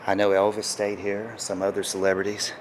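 A man, awed and hushed as he thinks aloud on a walking tour of an empty hotel suite. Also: fairly low pitch, monotone, brisk, slight background noise. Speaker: travel vlogger.

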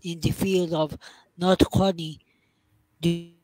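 A man's voice: fairly high pitch, little pitch movement, slow, a little mellow, no room sound, faint music behind, poor audio. A young man hosting an interview, putting his questions together piece by piece with some hesitation. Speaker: interviewer, host. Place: small room indoors on a video call. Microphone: headset mic.

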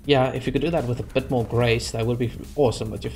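A man's voice: mid-range voice, steady tone, fast talker, darkish tone, soft background music. A young man giving let's-play commentary, frustrated and sarcastic, talking back at the characters on screen. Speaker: gaming channel host. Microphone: desk microphone.

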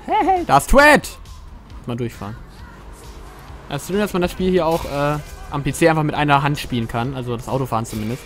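A German-accented man streams a game, offering casual, humorous let's-play commentary as he talks with viewers and curses freely. His voice is medium in pitch and his pace is quick, with faint music behind.

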